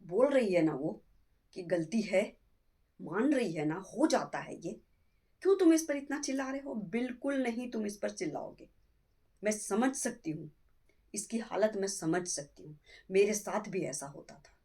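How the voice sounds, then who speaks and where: A woman's voice: on the low side, expressive, a little slow, warm tone, breathy edge. A woman playing a middle-aged mother-in-law in a family skit, scolding her son and defending her daughter-in-law. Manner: scolding, lecturing, emphatic.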